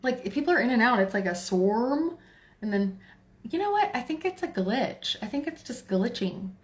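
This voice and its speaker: A woman's voice: fairly high pitch, lively intonation, normal speed. Chatty Texan woman streaming live. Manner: chatty, laughing, talks to chat and herself. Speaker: tarot reader livestream host. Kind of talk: casual livestream chat.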